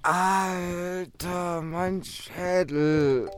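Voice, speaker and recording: A man's voice: on the high side, slow pace, music in the background. Man acting a groggy hungover guy, sore all over. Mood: groggy, aching. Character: hungover young man, anxious, whiny, apologetic.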